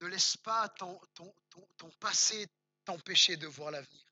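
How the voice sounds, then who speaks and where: French male pastor, bright tense voice, emphatic sermon with casual asides. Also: high voice, normal speed, dry recording. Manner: emphatic, repeats words for stress, rises to near-shouts; conversational asides, addresses the congregation directly.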